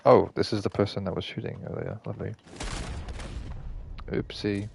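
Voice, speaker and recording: A man's voice: fairly low pitch, wildly swooping pitch, normal speed, gravelly, darkish tone, slight background noise. A man streaming a game and explaining a glitch in casual gameplay commentary, rambling and correcting himself and swearing casually. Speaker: gaming streamer.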